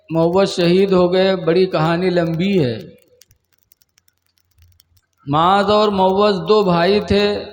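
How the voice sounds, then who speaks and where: Male mufti, sermon storyteller, emotional delivery, bright high register, reverberant hall. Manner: emotional storytelling, voices quoted figures with rising pitch. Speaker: mufti preacher.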